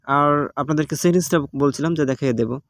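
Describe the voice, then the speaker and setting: A man with a slightly high voice and a Bangladeshi Bengali accent talks fairly quickly in a dry phone recording. As a tutorial host, he walks through an app step by step in a casual, patient, repetitive way, using many fillers.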